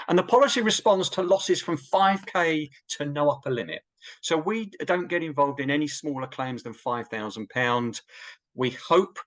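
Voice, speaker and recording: A man's voice: mid-range voice, a bit bright. A man presenting an insurance webinar in an upbeat, emphatic way with the odd joke. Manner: upbeat, emphatic, sometimes jokey.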